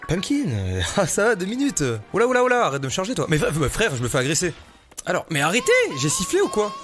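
A man playing a video game on camera and riffing for his viewers, excitable and full of street slang. His voice sits a little high for a man, with faint game music playing underneath. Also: fast. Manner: excitable and joking, slangy, laughs often, talks to viewers. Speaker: gaming YouTuber. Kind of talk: casual let's-play commentary.

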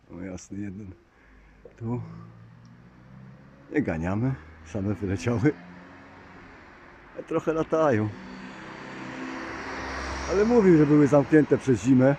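A man's voice: on the low side, mellow, slight background noise. A man keeping pigeons, chatting casually to his viewers outdoors while filming on a phone. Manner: chatty, addresses viewers as dear ones. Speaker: pigeon keeper vlogger. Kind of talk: casual running commentary to viewers. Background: birds and outdoor ambience.

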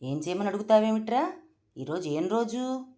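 A woman doing a loud, bossy old mother-in-law. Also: on the low side, animated, normal speed, lightly acted. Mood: scolding. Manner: shouting, scolding, nostalgic.

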